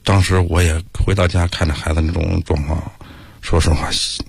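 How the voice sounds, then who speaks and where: A middle-aged man from the Beijing area, a taxi driver guest on a radio talk show, speaking in a plain, halting, matter-of-fact way. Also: low voice, steady tone, creaky, husky, dry recording. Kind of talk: radio interview.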